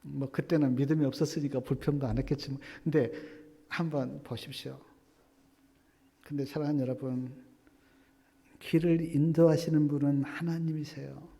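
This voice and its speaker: A male pastor preaching a sermon, swinging from loud exclamations to hushed whispers and acting out quoted prayers. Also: on the high side, fairly even intonation, normal speed, vocal fry, long pauses. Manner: acts out quoted prayers and complaints. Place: church sanctuary. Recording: long hall reverb.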